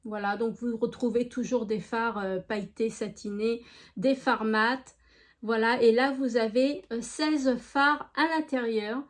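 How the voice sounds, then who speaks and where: French lady with a regional accent, high voice, talks slow and chatty showing off her makeup. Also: fairly even intonation. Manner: unhurried, chatty, lots of fillers and voilà. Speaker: beauty vlogger. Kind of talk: casual product review.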